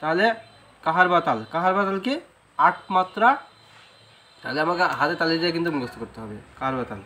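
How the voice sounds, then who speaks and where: A music teacher with a Bangladeshi Bengali accent gives a flute lesson in a fairly high, sharp voice with lively intonation. He patiently explains rhythm, sings sargam syllables slowly, and keeps checking "right?" as he instructs. There is slight background noise.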